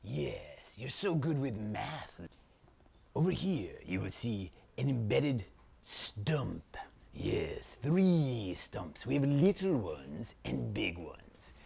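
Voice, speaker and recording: A man playing Zaltar, a gravelly villain prince. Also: mid-range voice, big pitch swings, slow, darkish tone, heavily acted. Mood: pompous. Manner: theatrical, haughty, sometimes slips into a stage whisper. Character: pompous grand male sorcerer villain prince. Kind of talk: comic product skit.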